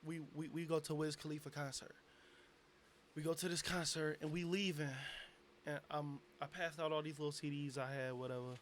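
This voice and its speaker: Young dude kinda drunk, slangy swearing storyteller, slightly higher voice. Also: male voice, a little fast, slight background noise. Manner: animated, loose storytelling with lots of slang and swearing. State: tipsy. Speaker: guest, aspiring rapper. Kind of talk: casual storytelling interview.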